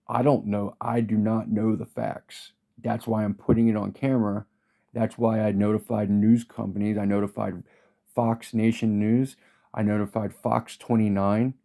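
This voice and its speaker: Low-voiced man, agitated profane vlog rant, dark tone. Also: creaky. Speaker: vlogger. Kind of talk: ranting monologue to camera.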